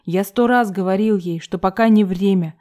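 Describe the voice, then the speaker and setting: Woman doing a loud sarcastic young guy. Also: mid-range voice, normal speed, natural voice. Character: bitter young man, drunk father-to-be.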